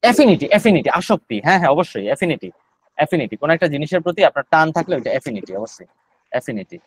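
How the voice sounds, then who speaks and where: A man's voice: a little high, expressive, rapid-fire, slightly rough, rough recording. A man teaching GRE vocabulary in a live online class, explaining each word in Bengali with English terms mixed in and repeating the words as he goes.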